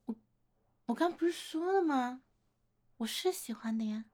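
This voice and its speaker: A woman's voice: high voice, animated, moderate pace. A woman playing a playful older-sister type who coaxes and teases a younger man confessing to her, in a one-sided romantic role-play. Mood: teasing, coaxing. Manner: coaxing, playful teasing, gentle laughter.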